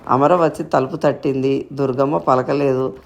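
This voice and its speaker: A man reading a short story aloud in steady, scripted narration. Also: mid-range voice, normal speed, creaky.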